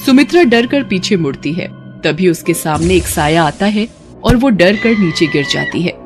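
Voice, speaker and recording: A woman's voice: lowish voice, lively intonation, normal speed, over music. Woman narrating a cartoon story.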